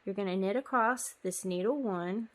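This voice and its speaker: A woman's voice: medium pitch, normal speed. A woman giving a casual step-by-step knitting tutorial, chatty and apologetic, with frequent ums. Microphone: phone.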